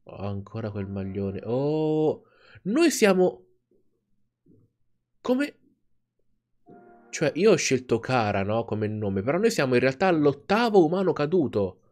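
Slow-talking man reacting to his game. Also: medium pitch. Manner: animated reactions with laughter. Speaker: let's play host. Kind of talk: gaming commentary.

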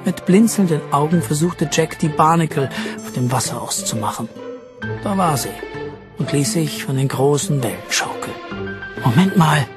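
A man reading a story aloud as audiobook narrator in an expressive, steady manner. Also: on the high side, moderate pace, music in the background. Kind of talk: scripted narration.

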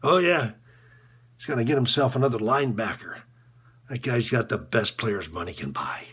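An actor performs a film monologue as a disillusioned, bitter male college basketball coach confessing corruption. His medium-pitched, slightly bright voice has a husky edge and sounds full of bitter regret. He speaks haltingly, repetitively and sardonically, swinging between muttering and outbursts.

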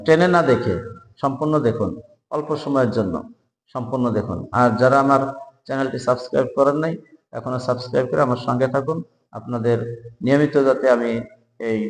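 Man, spelling teacher, slow letter-by-letter spelling, mid-pitched voice, roomy echo with a long tail. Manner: spells words out slowly, letter by letter. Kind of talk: spelling lesson for job exams. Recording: echoey room with long reverb.

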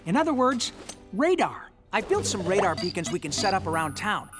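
A man's voice: high voice, very animated, fairly quick, a bit bright. A man voicing a brainy teenage mutant turtle who explains things in technical terms. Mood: explaining. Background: cartoon music.

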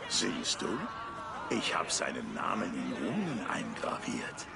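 A man's voice: very deep voice, huge pitch swings, slow, creaky, loud music behind the voice, heavily acted. A man playing a hearty, proud Norse craftsman in a video game. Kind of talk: video game drama acting.

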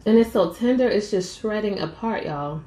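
A woman's voice: mid-range voice, animated, normal speed, warm tone, echoey room, slight background noise. A young woman chatting to viewers between bites in a casual eating vlog. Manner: chatty, addresses viewers as y'all, eats between sentences. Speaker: mukbang vlogger. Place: small room at home, indoors.

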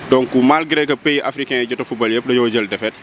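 A man in a street interview, speaking in a measured, analytical way into a handheld microphone. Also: mid-range voice, fairly bright tone. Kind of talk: casual street vox pop. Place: street outdoors. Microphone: handheld mic held by interviewer. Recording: street noise outdoors.

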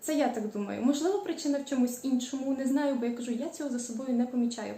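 A woman from Ukraine chatting casually in a home cooking vlog, stretching out the ends of words and pausing on filler sounds. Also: high-pitched, mellow. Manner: stretches out word endings; frequent hesitant fillers. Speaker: cooking vlogger. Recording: echoey room.

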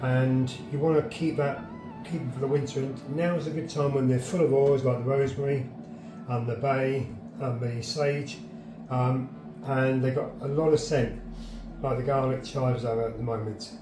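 A man's voice: medium pitch, fairly even intonation, normal speed, roomy sound, over music. A man giving plain, practical, chatty instructions on drying garden herbs at home. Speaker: gardener showing how to dry herbs. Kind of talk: casual how-to demonstration. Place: home kitchen, indoors.

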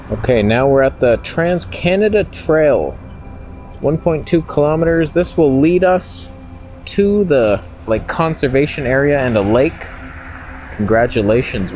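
A man in his thirties, with a mid-range, somewhat dark voice, does a casual walk-along vlog through a market and outdoors. He adds wry, joking asides into a handheld camera held at arm's length, and the recording is noisy with ambient sound.

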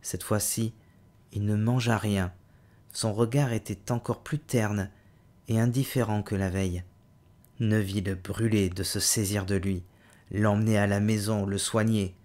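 Man, low voice, audiobook narration, steady measured reading, home recording. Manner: steady measured reading, voicing the hero's cries with louder higher lines. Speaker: audiobook reader.

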